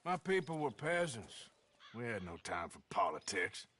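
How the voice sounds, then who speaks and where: An actor playing a weary, gruff outlaw who speaks curtly and sardonically. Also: male voice, lowish voice, very animated, moderate pace, fairly bright tone. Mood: blunt. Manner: curt, sardonic.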